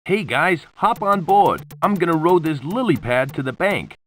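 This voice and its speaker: A man's voice: a little high, animated, moderate pace, a bit bright. A man playing a laid-back, wisecracking adventurer pilot in a video game. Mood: wry.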